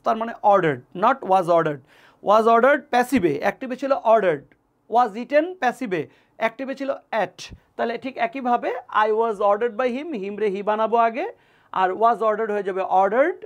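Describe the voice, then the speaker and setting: A woman teaching an exam-prep grammar lesson. She explains each step and slows down to say the English examples carefully, often pausing with hesitation fillers. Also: on the high side, animated.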